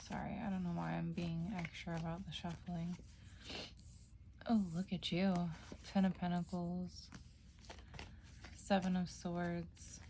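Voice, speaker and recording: A woman's voice: lowish voice, creaky, slight background noise. A woman giving a casual tarot reading, chatty, with frequent fillers and self-corrections. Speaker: tarot reader.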